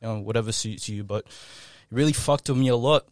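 A man's voice: medium pitch, normal speed, a little mellow, no echo, clean studio sound. Rambling sweary teenage guy. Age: late teens. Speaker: podcast guest. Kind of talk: casual chat. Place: small studio room.

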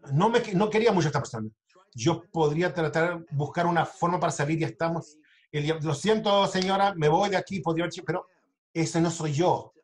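A man giving a talk to an audience about his own survival, earnest and direct, often stumbling and restarting his words. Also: fairly high pitch. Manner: halting, many restarts and stammers. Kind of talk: personal testimony to an audience.

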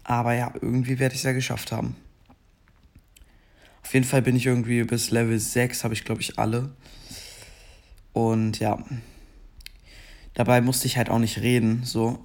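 A man's voice: medium pitch, vocal fry, a little mellow. A young man with a scratchy voice giving casual commentary while playing a game, rambling, then breaking into frustrated outbursts. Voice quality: scratchy morning voice. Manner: frustrated outbursts between slow chatter. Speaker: gaming video creator.

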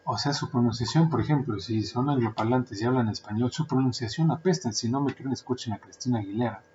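A man's voice: mid-range voice, fairly quick, darkish tone, a little hiss or hum. A man with a Mexican Spanish accent hosting a casual podcast monologue, chatty and joking, with lots of filler words. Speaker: podcast host, translator and interpreter. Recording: dull lo-fi sound.

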